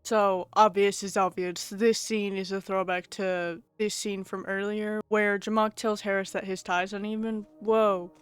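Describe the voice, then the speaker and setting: Gushing woman video essayist, mid pitch. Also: unhurried, few pauses, clear, resonant tone, no echo. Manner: gushing, exclamatory, bursts of loud excitement. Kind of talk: excited reaction commentary.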